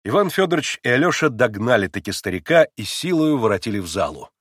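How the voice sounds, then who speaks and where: A man reading a novel aloud as an audiobook narrator, with expressive, dramatic delivery. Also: mid-range voice, quick pace, husky, dry recording, studio quality. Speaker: audiobook reader.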